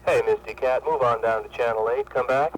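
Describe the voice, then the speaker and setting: A man's voice: medium pitch, brisk, noisy background. A man playing a CB radio driver, heard over CB radio, using radio procedure talk. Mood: radio calls. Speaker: CB radio operator.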